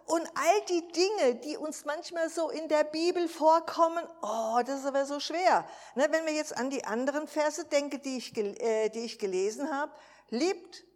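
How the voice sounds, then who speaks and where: A woman's voice: fairly high pitch, in a large hall. A woman preacher giving an emphatic sermon, often asking her listeners for assent.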